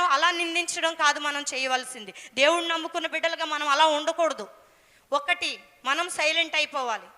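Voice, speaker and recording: A woman preaches with a high, bright voice and tells her story earnestly and with emphasis. Her words ring out with long reverb, as if in a large hall. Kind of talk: sermon.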